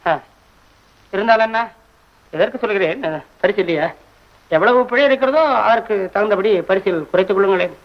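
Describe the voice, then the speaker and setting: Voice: medium pitch, normal speed, long pauses, natural voice. A young performer in a school play, acting a poor, desperate male poet who grumbles and wails comically. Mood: grumbling. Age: teens. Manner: comic wailing and grumbling, talks to himself. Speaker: stage actor in a school play. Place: school annual day stage. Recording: dull lo-fi stage recording.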